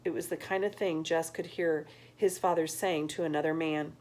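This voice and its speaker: A woman reading a novel aloud in an expressive, emotive style, swelling with the story. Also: deep voice, moderate pace. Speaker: audiobook reader.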